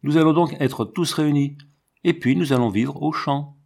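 A man reading the lines of an eager, cheerful young boy in a storybook, with a slightly raised, lively tone. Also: fairly high pitch, normal speed, gravelly, pitched above the performer's own voice.

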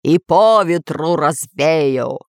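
Woman doing a slow, booming pirate ghost. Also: animated, no echo, studio quality, exaggerated voice. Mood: menacing. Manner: slow, drawn-out, threatening. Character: ghostly booming pirate captain's voice, male, menacing.

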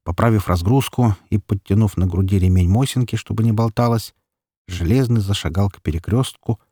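A man reading a dark story as an audiobook narrator in a steady, even telling. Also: on the low side, a little fast, breathy edge, no echo, clean studio sound.

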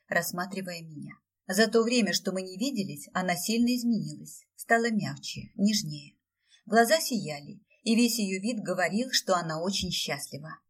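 A woman reading a first-person fantasy audiobook expressively, heard from a slightly distant mic. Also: mid-range voice. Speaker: audiobook narrator.

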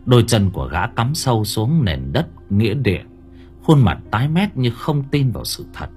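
A man narrating a horror audiobook with suspenseful, expressive delivery. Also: medium pitch, moderate pace, soft background music. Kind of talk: dramatic horror story narration.

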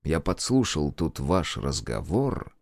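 A man voicing a shy, polite teenage schoolboy in an audiobook, soft and a bit mumbling. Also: rumbling low, big pitch swings, slow pace, dry recording, clean studio sound, voice pushed down, exaggerated voice. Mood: earnest. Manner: mumbling, gentle. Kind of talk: audiobook character voice.

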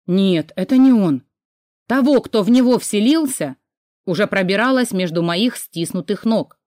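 A woman narrating a novel in the first person in a steady, measured reading. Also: medium pitch, dry recording, clean studio sound. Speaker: audiobook narrator.

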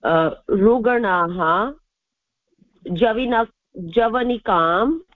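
A woman's voice: a little high, slow, no room sound. A woman joining a group voice call as a student and reading her answers aloud. She sounds hesitant and checks in often with the teacher. Her voice is thin and phone-like, with a dry sound and no room around it. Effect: heard through a group voice call. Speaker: student in an online language class.

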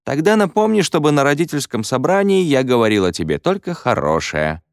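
A man's voice: medium pitch, very animated, brisk, dry recording, clean studio sound, voice pushed up. A man voicing a good-humored male schoolteacher who jokes and teases his class in a wry, encouraging way. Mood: wry, teasing. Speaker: teacher.

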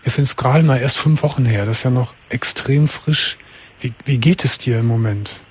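A man hosting a late-night call-in radio show, asking calm and gentle questions. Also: mid-range voice, moderate pace, slightly rough, dull audio. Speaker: radio talk show host.

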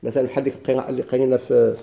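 A man with a Moroccan accent teaching grammar, asking questions and answering them himself and reading quoted text slowly. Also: mid-range voice, level tone, creaky, phone-quality sound. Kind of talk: classroom lecture.

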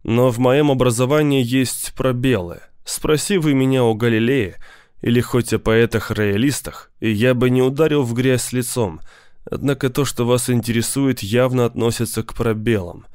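A man's voice: mid-range voice, moderate pace, darkish tone, clean tone, no echo, clean studio sound, close to an everyday voice. A man voicing a beaten, educated schoolteacher who speaks pedantically and chooses his words with care. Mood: careful. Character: educated middle-aged male schoolteacher, beaten, indignant.

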